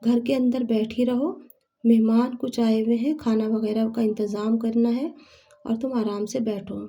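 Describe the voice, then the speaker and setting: A woman voicing a stern middle-aged father who calmly gives orders. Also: a little high, lightly acted. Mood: commanding.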